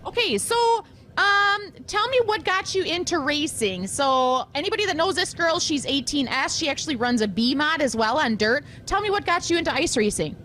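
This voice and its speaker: An American woman reporter chats in a high, bright voice, bubbly and informal. She is interviewing outdoors in cold air that catches her breath. A light generator noise sits behind her. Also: lively intonation, moderate pace. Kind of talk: casual on-location interview. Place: outdoors in the cold at a frozen lake. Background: generator running.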